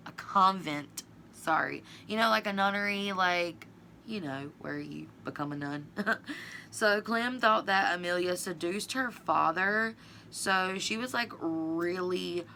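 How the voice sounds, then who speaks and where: A woman's voice: lowish voice, sharp tone, a little hiss or hum. A woman telling a true-crime story in a casual, chatty way, full of "like" and "you know", blunt and swearing now and then. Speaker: video creator.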